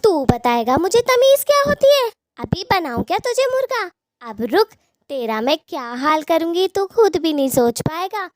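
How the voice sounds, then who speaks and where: Woman doing a cartoon witch, high and shrill, swinging wildly in pitch, taunting, dry close sound. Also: lively intonation, moderate pace, no echo. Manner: taunting, insulting, cackling. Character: rude mocking female mango-loving witch ghost.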